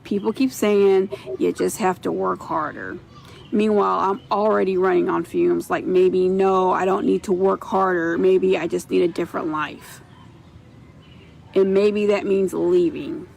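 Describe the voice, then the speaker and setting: A man's voice: high-pitched, little pitch movement, measured pace, creaky, darkish tone, a little hiss or hum, rough recording. A man venting to camera in a clip, weary and frustrated.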